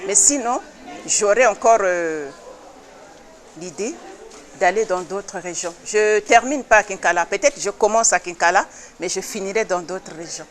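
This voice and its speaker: Speaking in a mid-range voice, a Congolese woman from the Republic of the Congo who heads an association responds to interview questions with earnest insistence and hesitant pauses.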